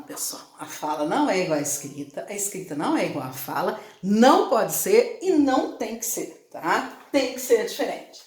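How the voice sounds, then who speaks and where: A woman teacher with a Brazilian Portuguese accent, giving a chatty lesson, repeating points and asking her students questions. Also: mid-range voice. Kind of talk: online class lesson. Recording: echoey room.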